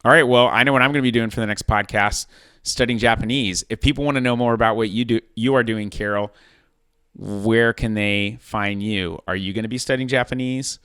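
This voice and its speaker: A man's voice: fairly low pitch, steady tone, brisk, fairly bright tone, clear, resonant tone, no room sound, clean studio sound. A man hosting a podcast, chatting casually with his guest and laughing easily. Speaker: podcast host. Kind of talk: casual interview chat.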